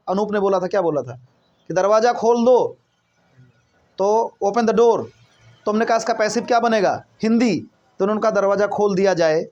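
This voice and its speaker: A man's voice: sits high, darkish tone, muffled recording. A man teaching a spoken English lesson, asking questions and answering them himself, often checking that listeners are following. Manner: explains by asking and answering his own questions; repeats points, checks in with listeners.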